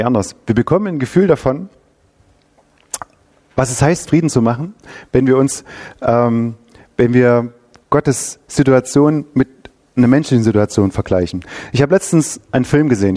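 A man preaching a sermon in an animated way, repeating phrases for emphasis and sometimes correcting himself. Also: mid-range voice. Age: adult father.

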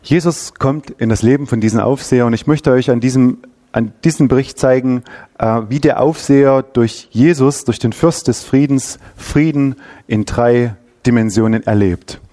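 A man delivers a sermon in a warm, mellow voice at a middle pitch. He speaks with animation, builds emphasis through repeated phrases, and corrects himself as he goes. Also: moderate pace. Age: adult father. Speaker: preacher.

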